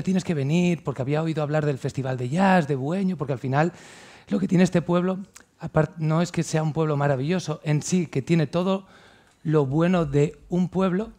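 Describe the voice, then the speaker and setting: A man's voice: a little high, dark tone. A restaurant owner in his forties from central Spain, speaking on a panel in a chatty, heartfelt way and often checking in with his listeners. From Castilla-La Mancha, Spain. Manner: chatty and heartfelt, keeps tagging questions onto his sentences. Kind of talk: panel talk.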